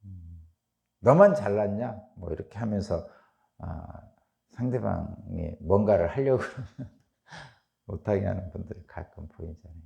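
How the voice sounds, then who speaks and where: A middle-aged man preaching an early morning sermon. He reads scripture aloud and explains it with animated rhetorical questions. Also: low voice, a little slow, gravelly. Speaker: pastor.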